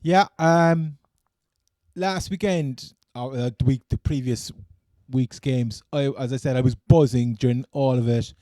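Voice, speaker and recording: A man's voice: mid-range voice, unhurried, dark tone, no echo, studio quality. A man with a Cork Irish accent chatting casually about sport as a co-host, rambling and stammering as he repeats his phrases. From Cork, Ireland. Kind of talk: casual American football chat.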